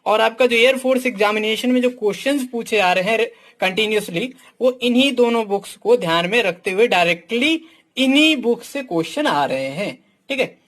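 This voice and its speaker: In an expressive, high-pitched, slightly bright voice and at a somewhat quick pace, a male exam coach reviews books in a relaxed lesson. He gives frank, blunt views, calls his students "my dear", and fills almost every phrase with "ठीक".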